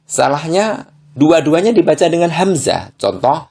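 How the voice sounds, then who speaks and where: A man teaching Quran recitation rules, slow and patient, tagging each point with a short "ya" and sounding the examples out aloud. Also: a little high, sing-song, creaky, a little mellow. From Indonesia. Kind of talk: tajwid lesson.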